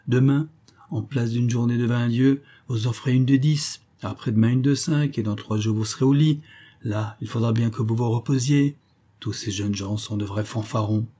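A man's voice: mid-range voice, fairly even intonation, normal speed, mellow, natural voice. A man reading an audiobook voices a timid young male servant who grumbles and then cries out in fear. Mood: grumbling. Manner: muttering complaints, then panicked cries.

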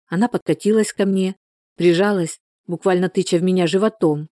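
A woman giving an even, measured first-person novel narration. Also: lowish voice, dry recording, clean studio sound. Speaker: audiobook narrator.

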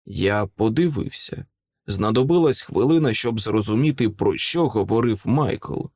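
A man reading an audiobook aloud as its narrator, with an expressive, lively reading. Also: on the low side, measured pace, breathy edge, no room sound, studio quality. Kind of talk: scripted narration.

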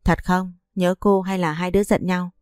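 A woman doing a doting aunt, middle-aged, playful, gossipy, low warm voice. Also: level tone, normal speed, clear, resonant tone, dry recording, studio quality, lightly acted. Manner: affectionate, gossipy.

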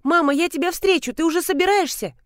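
A woman's voice: very high voice, quick pace, fairly bright tone, no room sound, clean studio sound, voice pushed up. A woman voicing an eager, joyful small boy in an audiobook.

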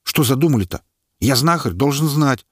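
A man's voice: medium pitch, animated, normal speed, breathy edge, no room sound, clean studio sound, voice pushed up. A man voicing a tired, stubborn male field healer. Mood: insistent. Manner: tired, insistent.

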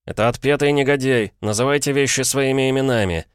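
A man voicing an indignant, pompous older gentleman stuck in a schoolboy's life, in an audiobook. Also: mid-range voice, a little fast, clean tone, dry recording, clean studio sound, voice pushed up, natural voice. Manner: outraged, shouting, pompous.

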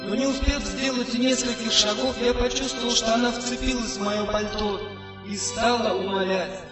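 A man narrating a story in an earnest, measured way, like an old radio show, recorded from far off in an echoey hall with loud music. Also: very high voice, fairly even intonation.

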